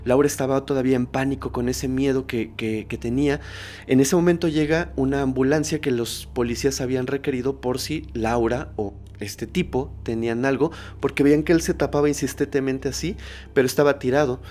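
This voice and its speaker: A man hosting a horror podcast, telling a story in a suspenseful way, dropping to a hush and rising again. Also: medium pitch, steady tone, brisk, a little hiss or hum. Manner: suspenseful, shifts between hushed and raised tones.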